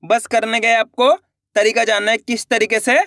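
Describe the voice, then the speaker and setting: A man's voice: extremely high pitch, little pitch movement, moderate pace, gravelly, pushed and bright, no echo, clean studio sound. A man teaching Hindi reading online, sounding out each syllable before blending it into the word and checking that viewers follow. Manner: spells words out syllable by syllable, then blends them; coaxing, checks understanding with the viewers.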